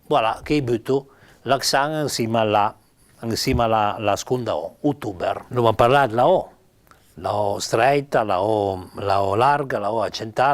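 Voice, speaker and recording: A man with a Piedmontese accent giving an informal spoken lesson on spelling. He is patient, says sample words slowly and more than once, and uses frequent fillers. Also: mid-range voice. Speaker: writer explaining spelling.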